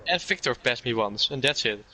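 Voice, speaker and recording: Bright-voiced man giving short answers. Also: medium pitch, expressive, fairly quick. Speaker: guest driver. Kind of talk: casual interview answers.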